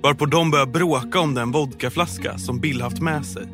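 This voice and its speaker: A man reading a scripted true-crime story in a calm, measured way as a podcast narrator. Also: fairly high pitch. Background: music.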